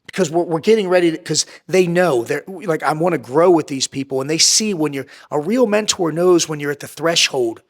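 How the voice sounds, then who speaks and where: A man speaking as a guest in a candid podcast interview, blunt and intense, swearing heavily and hammering points through repetition. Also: fairly high pitch. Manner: swings between fast bursts and slower, drawn-out phrases. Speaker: podcast guest, entrepreneur and former Navy SEAL.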